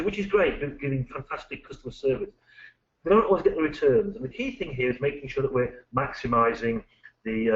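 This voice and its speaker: A middle-aged British man, a management consultant, presenting a business webinar with lively, anecdotal, punchy delivery. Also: medium pitch. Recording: dull lo-fi recording.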